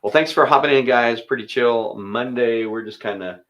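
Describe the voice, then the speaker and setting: A man's voice: mid-range voice, moderate pace, fairly bright tone, muffled recording. A man who is a pastor, chatting casually and thinking aloud, then leading a spoken prayer. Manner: easygoing, thinks aloud, chuckles between thoughts.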